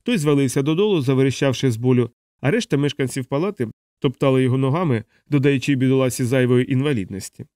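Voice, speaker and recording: A man reading a novel aloud in steady, even scripted audiobook narration. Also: medium pitch, quick pace, smooth, no echo, studio quality.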